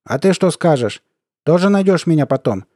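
A man putting on a squeaky, cooing army colonel. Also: lively intonation, normal speed, a little mellow, dry recording, studio quality. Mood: taunting. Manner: lisping, squeaky cooing baby-talk; mocking, taunting. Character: mocking, sly middle-aged male army colonel.

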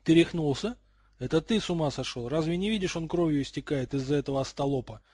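A furious teenage wizard boy yelling in raised, frantic bursts, as a man reading a storybook puts him on. The voice sits high and husky and sounds dry and close. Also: fairly quick, dry recording. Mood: irritated. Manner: shouting, angry and frantic. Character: hot-tempered teenage boy wizard, snake-lover.

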